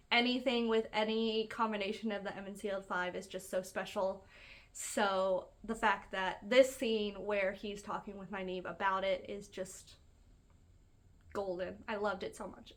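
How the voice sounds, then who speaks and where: A woman hosting a casual reaction vlog, chatty and gushing, with lots of fillers. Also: mid-range voice. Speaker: book-reading video host.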